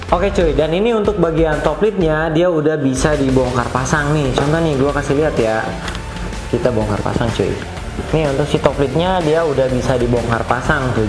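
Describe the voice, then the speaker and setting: A young man talks through a piece of gear in a casual, slangy, upbeat way. His lapel mic picks up a roomy studio echo, and background music plays clearly under him. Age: young adult. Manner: chatty, slangy, enthusiastic pitch. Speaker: product reviewer. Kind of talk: casual product review. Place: studio with plain blue backdrop.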